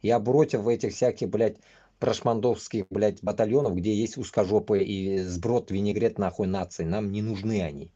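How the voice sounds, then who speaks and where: A man rambles on a livestream, swearing constantly and bluntly in halting, choppy phrases. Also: fairly low pitch, fairly even intonation, dark tone, highs cut off. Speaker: livestream host. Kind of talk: casual rambling live commentary.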